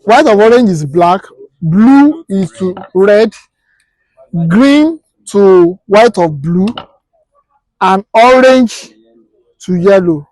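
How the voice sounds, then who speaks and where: This Nigerian man teaches a hands-on practical class, going step by step and testing his listeners with rhetorical questions as a technical instructor. His voice sits high and is animated, with a darkish tone, and he speaks slowly. There's no echo, though the audio quality is poor.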